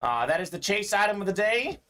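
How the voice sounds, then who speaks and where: Guy from bulgaria running a live card break, high voice, chatty, reads out comments. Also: sing-song, brisk, pushed and bright. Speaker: sports card break host. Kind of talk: live-stream sales patter.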